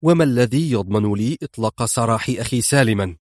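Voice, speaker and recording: A man's voice: medium pitch, animated, fast talker, a little mellow, dry recording, clean studio sound, natural voice. A man reading an audiobook and voicing a cool, sarcastic adult male hero.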